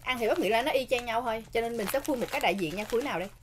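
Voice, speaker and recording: A woman's voice: on the high side, racing. A woman in her thirties with a Southern Vietnamese accent, chatting casually as she co-hosts a snack tasting and often repeating short phrases. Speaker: snack tasting show co-host. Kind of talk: casual mukbang chat. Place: small indoor set with curtained backdrop. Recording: clear background noise, crinkling packaging.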